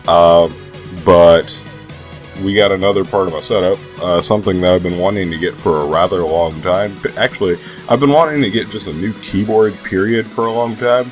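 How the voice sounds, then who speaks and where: A young man with a stuffy nose from a cold, rambling casually and swearing freely as he vlogs about gaming. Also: deep voice. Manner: laid-back, profane, hesitant rambling. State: sick with a cold. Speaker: gaming vlogger.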